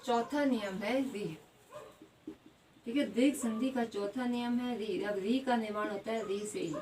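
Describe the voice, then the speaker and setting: A woman teacher giving a grammar lesson. She puts questions to the class, answers them herself and repeats each word slowly. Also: on the high side, crowd noise. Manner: adds a tag question after most points. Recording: slightly distant mic with faint background noise.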